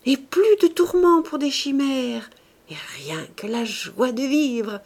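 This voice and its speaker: A woman's voice: high voice, expressive, takes it slowly, darkish tone, voice pushed up, full character voice. A woman voicing a passionate, desperate young lover. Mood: loving, insistent. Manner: passionate, shifting from fury to tender whispers.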